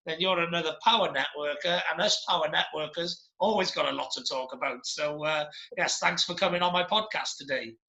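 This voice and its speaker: A man's voice: on the high side, fairly quick, gravelly, hardly any pauses, sharp tone, echoey room, rough recording. A middle-aged man from Wales hosting a podcast over a video call, chatty and rambling, often restarting his sentences. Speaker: podcast host. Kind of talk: casual interview chat. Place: home office.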